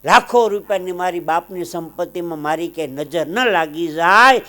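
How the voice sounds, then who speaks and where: A man's voice: on the high side, a little fast. Dramatic Kathiawadi Gujarati storyteller man. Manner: dramatic swells, loud declaiming then softer asides. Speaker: folk storyteller and comedian. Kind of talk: Gujarati stage storytelling, emotional anecdotes.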